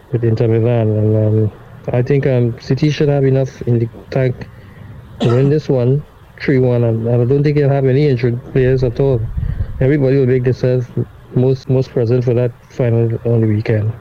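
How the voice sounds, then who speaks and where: A man calling in with a voice note that is played back over a speaker; he talks in a measured, hesitant way with many restarts. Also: medium pitch, warm tone. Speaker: caller sending a voice note. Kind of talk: voice message. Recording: dull lo-fi playback with faint noise.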